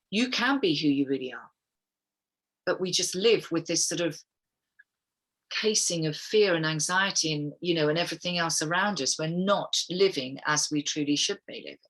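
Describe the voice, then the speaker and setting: Bright, husky-voiced woman. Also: low-pitched, low-quality recording. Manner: soft-spoken, musing, often murmuring "okay" between readings. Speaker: wellness guest speaker. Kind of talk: reading chakra statements and guiding affirmations on a group call.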